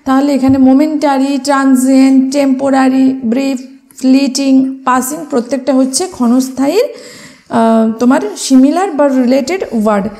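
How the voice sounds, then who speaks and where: A woman's voice: high voice, fairly even intonation, moderate pace, dark tone. A woman teaching exam vocabulary, spelling words out letter by letter and asking and answering her own questions. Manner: frequent fillers, mixes English words into speech. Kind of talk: exam prep lesson.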